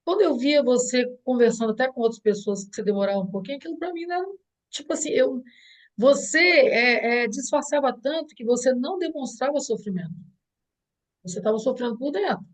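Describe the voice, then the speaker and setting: Middle-aged Brazilian woman, mother being interviewed; earnest, reflective, restarts a lot, voice sits fairly high. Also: expressive, a little fast, poor audio. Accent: Brazilian Portuguese. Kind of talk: heartfelt conversation.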